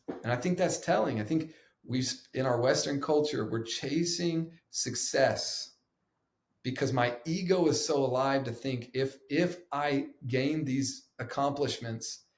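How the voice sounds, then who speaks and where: An animated man in the middle of his range tells stories with emphasis and swings his voice to act out what others said. His voice carries a roomy echo. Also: mid-range voice. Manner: animated, emphatic, acts out quotes. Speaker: podcast guest, pastor. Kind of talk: conversational storytelling.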